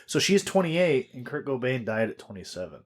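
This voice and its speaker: A man in his late twenties co-hosting a podcast, chatting casually, animated and jokey and swearing freely. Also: medium pitch, brisk. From United States. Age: 20s. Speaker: podcast co-host. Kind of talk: casual chat.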